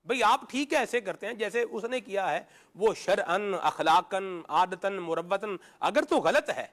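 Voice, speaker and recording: High-voiced man giving homely moral advice. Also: expressive, fairly bright tone. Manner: explains with homely examples, asks and answers himself. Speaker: religious talk show panelist.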